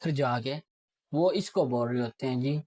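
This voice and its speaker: A man's voice: medium pitch, moderate pace, darkish tone, dry recording. Guy explaining trading charts, asks himself stuff then answers, dry close sound. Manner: explains while marking a chart. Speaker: trading teacher. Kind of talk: casual explanatory lesson.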